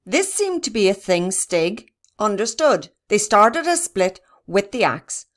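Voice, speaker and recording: Woman, children's story narration, steady even delivery, middle-pitched voice. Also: unhurried. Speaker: reader.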